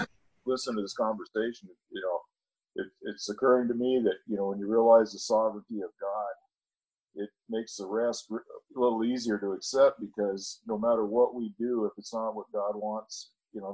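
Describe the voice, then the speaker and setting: A man in a casual group discussion, speaking in a measured way with many "you know"s. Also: fairly low pitch, a little mellow, slightly rough, rough recording. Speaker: group member.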